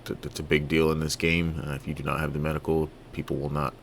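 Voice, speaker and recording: Canadian man, very low gravelly voice, laid-back game commentary with lots of ums, faint hiss behind. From Toronto, Canada. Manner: relaxed, halting, many fillers and restarts. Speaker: gaming video creator. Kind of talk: casual let's-play commentary.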